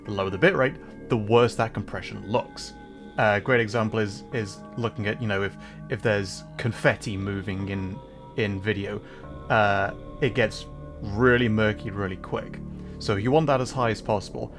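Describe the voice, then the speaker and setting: A man with a lowish voice and fairly even intonation chats casually at normal speed while streaming a game as a VTuber. He rambles, puts himself down, and keeps apologizing about his technical setup, with background music playing.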